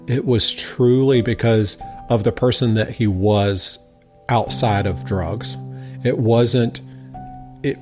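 A man speaking unscripted as a podcast interviewee, halting and repeating words for emphasis. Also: medium pitch, a little mellow.

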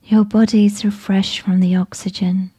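A woman whispering a slow, soothing guided meditation with gentle instructions. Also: medium pitch, little pitch movement, slightly rough.

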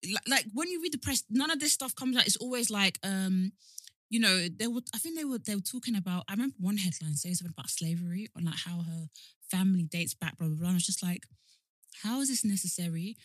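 A podcast co-host with a London British accent joins a casual, opinionated chat, speaking emphatically and repeating words to stress her points. Her mid-range voice is animated, fast and fairly bright, with no room sound.

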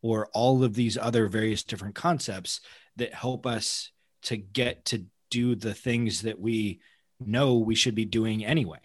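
A man in conversational podcast talk as co-host, thinking aloud in a halting way. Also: fairly low pitch, fairly even intonation.

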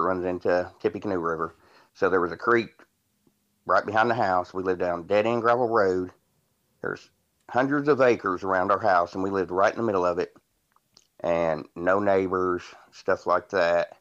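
Deep-voiced man with dull lo-fi audio. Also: fairly even intonation, moderate pace, fairly bright tone. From Indiana, USA. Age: 40s. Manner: rambling, with fillers and restarts. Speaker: podcast guest. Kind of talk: casual storytelling.

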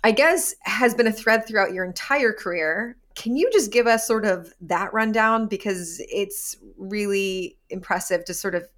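Woman, host, upbeat, chatty interview, quick reactions. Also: medium pitch, fairly bright tone. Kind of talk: casual interview.

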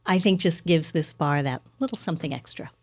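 Bubbly, effusive woman. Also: brisk. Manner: effusive, laughs often, pitch leaps up when excited. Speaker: chocolate wholesaler and marketer, guest. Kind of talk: enthusiastic casual chat.

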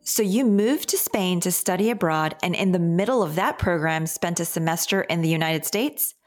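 A woman hosts the podcast with a somewhat low voice, reading scripted narration and questions in a polished way. Faint music sits under her words. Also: normal speed. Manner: polished, clearly read. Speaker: host.

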